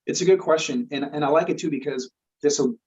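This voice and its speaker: A man's voice: fairly high pitch, quick pace, darkish tone. A man explaining a topic earnestly in casual conversation. He often repeats words and checks in with "right?". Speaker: guest expert. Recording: slightly dull lo-fi sound.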